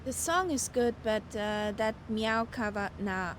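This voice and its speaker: A woman with a high voice talks casually as a flight-sim pilot and streamer. A clear engine drone sits behind her. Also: animated, measured pace. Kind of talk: casual chat with radio readbacks. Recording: clear vehicle noise behind voice.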